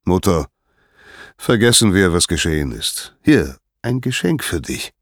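A man voicing a gruff, proud male smith god in a storybook reading, speaking plainly and low. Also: very animated, unhurried, no echo, studio quality, full character voice.

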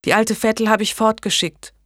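A woman's voice: fairly high pitch, fairly even intonation, fairly quick, a bit bright, dry recording, clean studio sound, pitched above the performer's own voice, close to an everyday voice. A woman reading an audiobook and voicing a resolute, caring noblewoman who speaks firmly and protectively. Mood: soothing. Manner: firm, indignant.

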